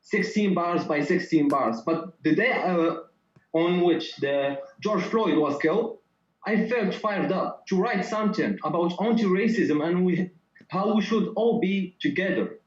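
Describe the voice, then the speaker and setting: A man, a contestant artist talking earnestly and loudly on a video call in loose phrasing. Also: sits high, unhurried. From Morocco. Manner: loud, earnest, speaking in loose non-native phrasing. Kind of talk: online showcase interview. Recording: echoey, muffled video call audio.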